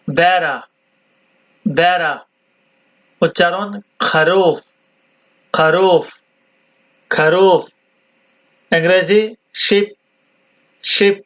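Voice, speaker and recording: A man teaching vocabulary, deliberately repeating each word several times. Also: sits high, steady tone, fairly bright tone. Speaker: language teacher. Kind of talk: slow vocabulary drill. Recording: dull lo-fi sound.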